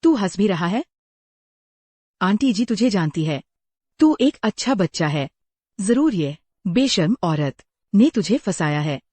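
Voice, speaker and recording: A nosy, quick-tempered village auntie who gossips and scolds loudly. Her voice is mellow and warm in tone, and it sits at a middle pitch. The sound is dry and close, with no room echo. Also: big pitch swings, slightly rough. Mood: scolding. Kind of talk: dubbed drama acting.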